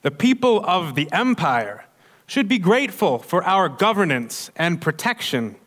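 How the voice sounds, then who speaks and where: A man's voice: high-pitched, sing-song, a little slow, fairly bright tone, heavily acted. A man playing a stern Roman herald who reads out an imperial edict in a formal, declamatory church nativity play. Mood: proclaiming.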